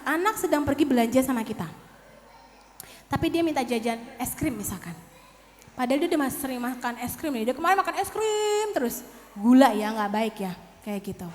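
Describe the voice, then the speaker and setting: A woman giving a lively parenting seminar to parents, often addressing them directly and acting out quotes. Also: sits high. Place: seminar hall. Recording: reverberant hall.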